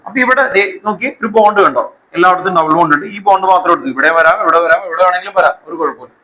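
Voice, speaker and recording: A man's voice: on the high side, pushed and bright, poor audio. A man with a Malayali accent teaching a school lesson step by step, mixing Malayalam with English technical terms and repeating key words with check questions. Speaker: chemistry teacher.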